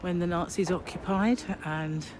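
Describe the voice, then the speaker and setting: A British woman narrates a travel vlog outdoors in a casual, rambling way. She is chatty and slightly hesitant, with clear city noise around her. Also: lowish voice, steady tone, unhurried. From Britain. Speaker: travel vlogger. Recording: noisy outdoor city recording.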